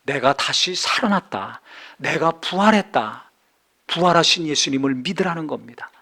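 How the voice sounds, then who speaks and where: A man preaches in a church, his voice pitched high. He moves from soft, probing questions to loud, climbing calls to his listeners. Now and then he slips into a sharp scolding tone to act out a quote. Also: lively intonation, normal speed, gravelly. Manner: swings between soft asides and loud rising exhortation; acts out scolding quotes in a harsh voice. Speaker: pastor. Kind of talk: sermon. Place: church sanctuary.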